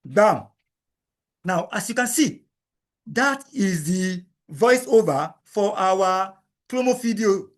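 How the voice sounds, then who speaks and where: A man leads a screen-recorded software lesson, his voice high for a man. He goes slowly and explains each click, repeating himself so nobody gets lost. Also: animated. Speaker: instructor.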